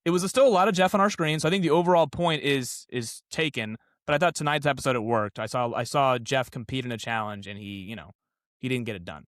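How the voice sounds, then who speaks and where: A man co-hosting a casual reality-show recap, talking in an excitable, rambling way with frequent restarts. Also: medium pitch, fast, no echo, studio quality. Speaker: podcast co-host.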